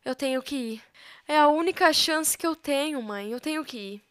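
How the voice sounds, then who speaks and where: A woman's voice: high voice, lively intonation, fairly quick, fairly bright tone, no room sound, studio quality, pitched above the performer's own voice. A woman voicing a desperate young mother saying goodbye in tears, with a Brazilian Portuguese accent. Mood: tearful. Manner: crying, pleading, urgent. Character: desperate young mother fleeing with her son.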